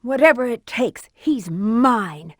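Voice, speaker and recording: For a video game, a sassy, flirtatious female bat who hunts treasure speaks slowly in a high voice full of lively swings and teasing confidence. She comes across as confident and bossy, recorded close and dry with no room sound.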